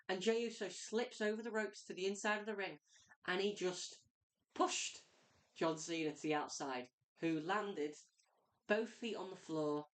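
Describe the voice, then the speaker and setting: Low-pitched woman reviewer, chatty and excitable, rambles freely. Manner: excitable, rambling, many "like" fillers. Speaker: wrestling reviewer. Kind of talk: casual spoken review.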